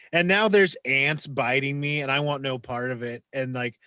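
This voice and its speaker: Male podcast host, mid-pitched, dry close sound, chimes in with jokes. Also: measured pace, pushed and bright, no room sound. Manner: short replies, chimes in with jokes and laughs. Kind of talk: casual interview chat.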